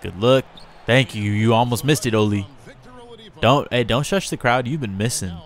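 A man hosting a casual gameplay commentary, chatty and talking straight to his in-game players, with bursts of excitement. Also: mid-range voice, moderate pace. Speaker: gamer and channel host.

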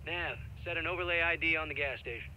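An actor playing a brash, commanding military contractor in a video game, giving orders over the radio. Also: male voice, a little high, fast, bright, forceful tone, a little hiss or hum, poor audio. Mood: impatient.

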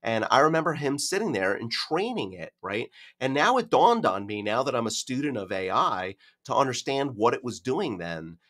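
A man's voice: medium pitch, sing-song, normal speed, hardly any pauses, fairly bright tone. A man co-hosting a podcast in casual chat, explaining his points in a reflective way. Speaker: podcast co-host.

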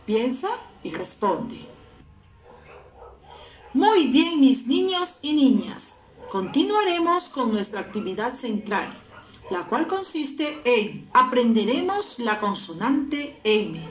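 A woman's voice: fairly high pitch, big pitch swings, slow, roomy sound. A woman primary school teacher with a Peruvian Spanish accent, teaching young children patiently and drawing out sounds for them to repeat. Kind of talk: recorded lesson for young children.

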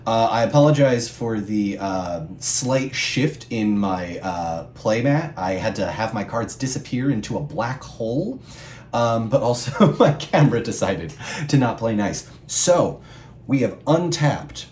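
A man talks through game rules at an even, mid-range pitch, patient and clear, with a few playful asides along the way. His voice sits in an echoey room, and a faint hum runs underneath. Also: unhurried. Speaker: guest co-player explaining the rules. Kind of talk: casual explanatory chat.

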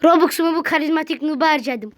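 A woman with a strikingly high voice talks through a video game in casual commentary. She is excitable, jumping between loud exclamations and quiet muttering, and often laughs at her own mistakes. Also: fast talker. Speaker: gaming video creator.

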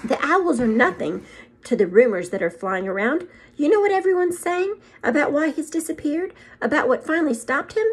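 A woman's voice: high-pitched, animated, normal speed, pitched above the performer's own voice. A woman voicing a stern, exasperated older witch professor in a storybook, speaking emphatically and indignantly. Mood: urgent.

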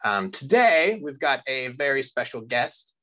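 Upbeat male host, bright lo-fi voice. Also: mid-range voice, very animated, unhurried. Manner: upbeat, jokey, with frequent fillers. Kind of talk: casual video podcast chat.

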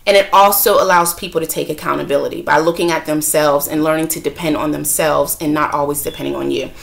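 A woman vlogger talks straight to her viewers in a candid, conversational way. Her voice sits a little on the low side, and she's expressive, slipping into other people's voices when she retells a moment. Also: fast talker, gravelly. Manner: chatty, frank and expressive, acting out quoted voices. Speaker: self-help vlogger and mother. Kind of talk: candid talk to camera.

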